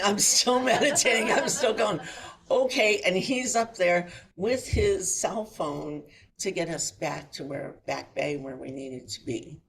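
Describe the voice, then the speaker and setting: A middle-aged woman giving a spiritual lecture in a chapel, telling a personal story with lively voices and rhetorical questions to the audience. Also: low voice, creaky. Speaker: guest speaker at a chapel. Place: chapel hall before an audience.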